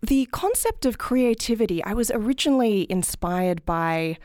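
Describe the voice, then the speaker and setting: A woman in her thirties with an Australian accent explains her research as an interview guest, being a healthcare management researcher. She's articulate and explanatory, often saying "sort of," with a high-leaning, expressive voice of darkish tone at a moderate pace. The studio sound is clean with no echo.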